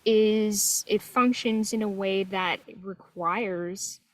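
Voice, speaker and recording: A woman's voice: medium pitch, fairly even intonation, slow, dry recording. A woman co-hosting a spiritual talk show, speaking in a thoughtful, casual, agreeable way. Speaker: podcast co-host. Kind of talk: conversational spiritual discussion. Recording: faint background noise.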